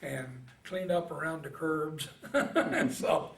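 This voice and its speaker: This roughly eighty-year-old Navy veteran from Indiana has a Midwestern American accent and a creaky voice on the high side. Being interviewed for a casual oral history, he remembers his past haltingly in folksy, plain speech. A distant mic in a roomy space picks up faint noise too.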